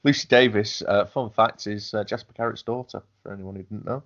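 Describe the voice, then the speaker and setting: A male co-host talks films on a podcast in a rambling, casual way, restarting often and using many fillers. He speaks briskly in a lowish voice with fairly even intonation, and the recording is muffled.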